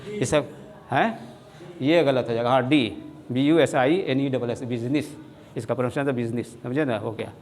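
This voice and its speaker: A man's voice: medium pitch, lively intonation, moderate pace, darkish tone, in a large hall. A man with a Bihari Hindi accent teaching an English spelling lesson, saying each word several times and spelling it out letter by letter.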